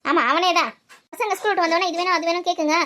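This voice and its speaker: A woman voicing a tired, grumbling old grandmother with an aching back, talking soft and low in a comic family skit. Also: steady tone, rapid-fire, a little hiss or hum. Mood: scolding. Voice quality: soft and low, muttering to herself.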